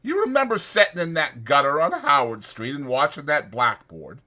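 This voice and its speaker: In a dramatized audiobook, a man does a full character voice of a short-tempered, bossy laborer who scolds in rustic, ungrammatical speech. He pitches it a little high, above his natural voice, and delivers it bright, forceful and very animated at a moderate pace. The mood is bossy and instructing.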